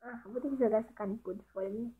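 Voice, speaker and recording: Mineira woman hosting a gaming channel, higher voice, chatty play-by-play, tinny lo-fi mic. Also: fairly even intonation, quick pace. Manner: chatty, talks to the animals and viewers as she plays. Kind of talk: casual Minecraft gameplay commentary. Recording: tinny lo-fi mic with faint hiss.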